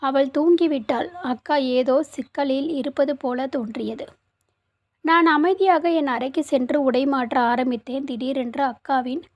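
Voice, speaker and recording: A woman narrating a first-person story in an even, formal, measured way. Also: high voice. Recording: muffled, slightly lo-fi recording.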